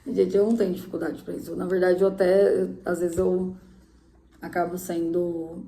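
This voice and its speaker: A woman's voice: lowish voice, little pitch movement, moderate pace, creaky, warm tone, echoey room, a little hiss or hum. A woman giving relationship advice in a casual, chatty way, full of fillers.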